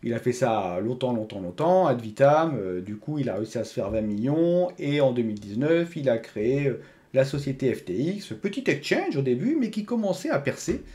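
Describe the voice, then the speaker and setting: This is a man talking straight to his viewers in a loose, conversational way. His voice is mellow and dark, and his pitch rises and falls a lot. He stumbles, restarts and fills gaps often. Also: sing-song, brisk. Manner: conversational, many fillers and restarts, addresses viewers directly. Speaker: crypto YouTuber. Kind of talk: casual explanatory talk to camera.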